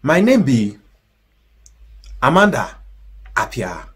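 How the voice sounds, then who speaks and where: A man in his thirties with a Ghanaian accent presenting mock-serious, deadpan comic news commentary in Pidgin. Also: medium pitch, slow, husky.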